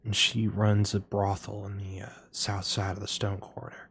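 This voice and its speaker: A man doing a hushed, flirty elf courtesan. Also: a bass voice, normal speed, slightly rough, faint music behind. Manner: hushed, secretive, sometimes snappish. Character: flirty nervous wood elf courtesan woman.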